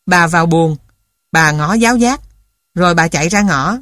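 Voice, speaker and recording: A woman narrating a childhood story for an audiobook in a calm, even reading voice. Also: on the low side, normal speed, dry recording, clean studio sound.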